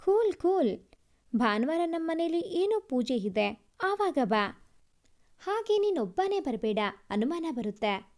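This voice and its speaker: A woman's voice: very high-pitched, sing-song, takes it slowly, a little mellow, full character voice. A woman voicing a playful young woman who teases her boyfriend, with a cheeky manner. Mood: teasing. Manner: teasing, cheeky.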